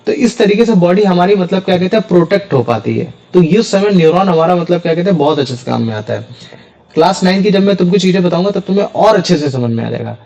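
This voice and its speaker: A man's voice: sits high, animated, fast, vocal fry, a little mellow, low-quality recording. A young man teaching a science class in a casual way, often repeating key terms as questions to his students.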